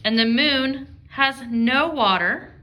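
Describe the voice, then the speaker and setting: Her voice sits high and she speaks slowly: a woman who teaches elementary reading, reading aloud to young children and explaining, thinking out loud and asking them guiding questions.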